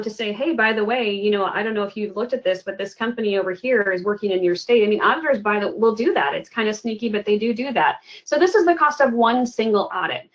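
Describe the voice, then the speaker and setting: A woman's voice: medium pitch, lo-fi sound. A woman giving a webinar presentation in a conversational way, with frequent "you know" and "um".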